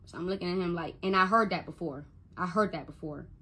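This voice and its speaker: A young woman with a husky, breathy edge to her voice speaks with a tense, forceful push. She tells a raw personal story straight to the camera. She stumbles and repeats words whenever she gets worked up. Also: lowish voice, fast. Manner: stutters and repeats words when upset. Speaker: mother telling her story. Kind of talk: emotional personal account to camera.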